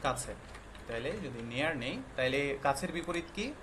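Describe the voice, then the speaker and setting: A man's voice: medium pitch, animated, moderate pace, a bit bright, a little hiss or hum. A male teacher patiently explaining a lesson to young children, quizzing them often and mixing English words into his explanations. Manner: patient, quizzing with frequent questions.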